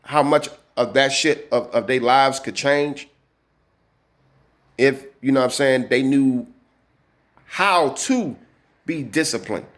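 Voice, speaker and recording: A channel host in his early forties talks straight to the camera from his desk in a casual vlog. His medium-pitched, fairly bright voice moves slowly with frequent pauses, and his delivery is loose and streetwise, full of slang and cursing, with "you know what I'm saying" sprinkled throughout.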